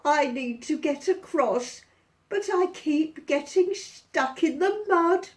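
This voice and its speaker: Woman putting on a high, plaintive storybook dog. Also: expressive, slow. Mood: distressed. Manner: wailing, plaintive. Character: worried dog stuck by a bog in a picture book.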